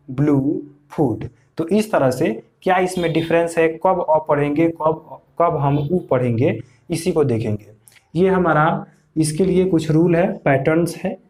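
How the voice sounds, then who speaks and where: A man's voice: a little high, darkish tone. A man teaching an English pronunciation lesson, patiently repeating each point for learners.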